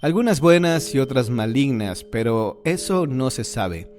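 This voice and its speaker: A man tells ghost stories in a measured, scripted way. His voice sits in an ordinary middle pitch. Faint music plays quietly behind him. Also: very animated. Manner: measured storytelling delivery. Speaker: horror story narrator. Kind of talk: scripted narration.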